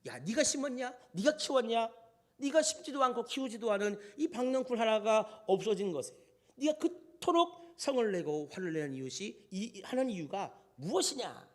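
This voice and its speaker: A man's voice: high voice, very animated, moderate pace, few pauses, darkish tone. A man voicing God who sternly scolds a prophet with pointed questions. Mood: scolding. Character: God rebuking a selfish prophet, stern and probing.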